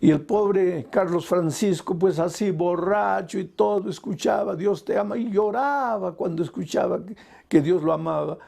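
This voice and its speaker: An older man preaches with a gravelly, somewhat high voice that has a dark, mellow color. He pleads with the listener in an impassioned way, rising to loud calls and then dropping to soft, tender words. He keeps addressing the listener as "dear.". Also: normal speed. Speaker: pastor. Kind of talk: evangelistic sermon.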